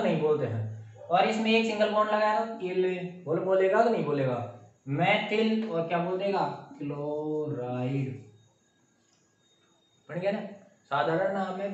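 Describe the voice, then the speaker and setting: High-voiced male teacher quizzing his class; very echoey, mic set far off. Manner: animated, keeps quizzing the class. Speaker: chemistry teacher. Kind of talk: classroom lecture. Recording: roomy, distant, muffled sound.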